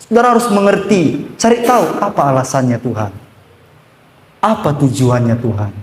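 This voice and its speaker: A male pastor, preaching emphatically to his congregation, sweeping up and down in pitch and repeating phrases for effect. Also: echoey room. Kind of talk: sermon. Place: church.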